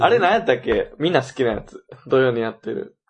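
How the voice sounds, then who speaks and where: A man's voice: mid-range voice, very animated, a little fast, slightly rough, highs cut off. A man in his twenties with a Kansai accent, chatting casually as a podcast co-host. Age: 20s. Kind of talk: casual chat.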